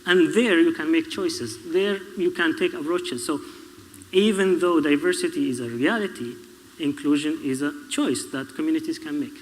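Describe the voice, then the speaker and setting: A man from Syria speaking on a public panel, halting, with many fillers and restarts. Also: on the high side. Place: public event hall. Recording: reverberant hall.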